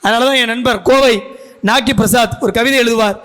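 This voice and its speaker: A man's voice: extremely high pitch, steady tone, a little fast, a bit bright. A man giving a guest speech at a school function, telling stories and putting questions to the audience as a seasoned debate speaker. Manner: storytelling orator who asks the audience questions.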